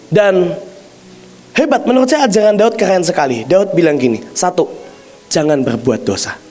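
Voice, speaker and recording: A man preaches with a high, lively voice that leaps up and drops low from phrase to phrase. His delivery moves between loud bursts and hushed, slow asides. Soft music sits faintly underneath. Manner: animated, swings from loud to hushed. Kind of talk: sermon.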